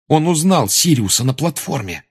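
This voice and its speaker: A man's voice: on the high side, big pitch swings, moderate pace, gravelly, slightly rough, pitched above the performer's own voice, heavily acted. A man reading aloud and voicing a tense, earnest teenage schoolboy wizard.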